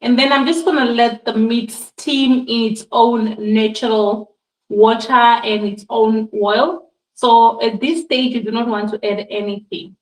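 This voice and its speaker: A woman's voice: fairly high pitch, fairly even intonation, a little slow, recorded from a distance. A woman giving a casual cooking demonstration in her home kitchen, chatting to her viewers and often calling them guys. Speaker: cooking vlogger. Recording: echoey kitchen, voice off-mic.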